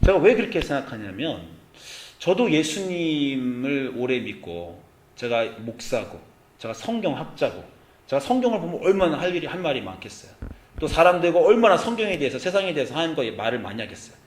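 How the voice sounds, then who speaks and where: A man preaching as pastor, animated, at times acting out soft, pleading prayers. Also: a little high, fairly quick. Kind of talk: sermon. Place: church sanctuary. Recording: echoey church sanctuary.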